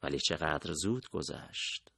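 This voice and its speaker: A weary, soft-spoken wife, read by a man. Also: extremely low pitch, expressive, vocal fry, breathy edge, no room sound, studio quality, heavily acted. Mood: wistful.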